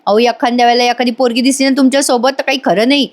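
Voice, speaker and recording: A woman's voice: on the high side, steady tone, rapid-fire, lightly acted. A woman voicing an eager young male garage helper who blurts things out.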